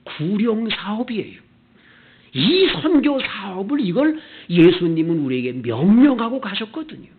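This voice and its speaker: A man preaching a Sunday sermon as pastor, animated and acting out the people in his stories. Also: a little high. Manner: animated preaching, acting out quoted customers in character. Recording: tinny, phone-like church video audio.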